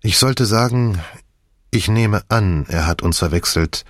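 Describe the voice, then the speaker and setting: A man reading an audiobook and voicing a tired, haunted woman confessing slowly. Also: fairly low pitch, dry recording, clean studio sound, natural voice. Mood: weary. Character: weary woman in her thirties, haunted.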